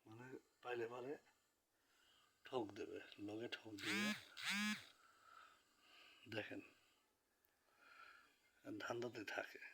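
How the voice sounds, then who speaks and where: A man quietly narrating a late-night home vlog about his pet bird, speaking softly so the neighbors can sleep. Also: medium pitch, steady tone, slow, vocal fry, pauses often, a little hiss or hum. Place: indoors at home, in bed.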